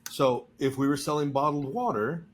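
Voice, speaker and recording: A man's voice: mid-range voice, moderate pace. A man hosting a podcast, talking in a casual, joking and explanatory way. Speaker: podcast host.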